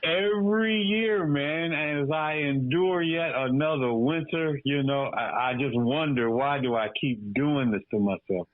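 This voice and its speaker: Calling in by phone as a radio show guest, this Detroit, Michigan man in his fifties keeps things relaxed and drops "man" constantly. His slightly high voice moves at a measured pace with hardly any pauses, and there's no room sound.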